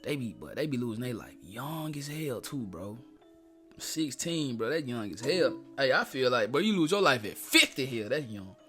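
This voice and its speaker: A man's voice: medium pitch, very animated, normal speed, a bit bright, soft background music. A young man hosting a reaction video, talking bluntly in street slang with plenty of profanity and telling stories between clips. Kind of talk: casual reaction commentary.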